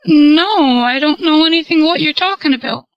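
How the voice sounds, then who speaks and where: A man using voice changer software to sound like a calm, cooperative woman on a prank phone call. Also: extremely high pitch, normal speed, no room sound. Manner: calm and cooperative, answers briefly. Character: polite, unhurried adult woman caller. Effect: voice changer software making him sound like a woman. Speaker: prank caller.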